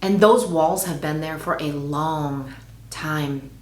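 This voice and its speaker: A woman's voice: sits low, slow. A woman in her forties talking earnestly and with determination in a reflective personal vlog. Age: 40s. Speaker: vlogger. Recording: echoey room.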